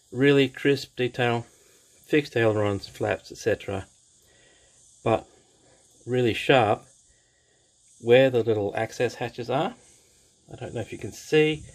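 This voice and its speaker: A man talks slowly and unhurriedly through a scale model kit, speaking from behind an overhead camera at his hobby desk. He is casual and enthusiastic, often repeating his praise and pausing with small fillers. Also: mid-range voice, rough recording. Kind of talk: casual kit review, unscripted.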